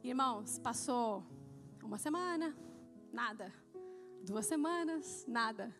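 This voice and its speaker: A woman with a Brazilian Portuguese accent giving a sermon testimony in a church service, telling her story in an animated way and acting out the dialogue. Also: fairly high pitch, slow pace, music in the background. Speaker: church speaker.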